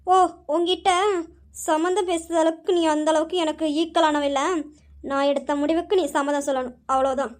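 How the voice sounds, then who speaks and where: A woman's voice: high voice, level tone, a little fast, close to an everyday voice. A woman voicing a domineering old grandmother who hands out commands and looks down on her servant. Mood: imperious. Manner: commanding, dismissive orders. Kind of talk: Tamil audio drama.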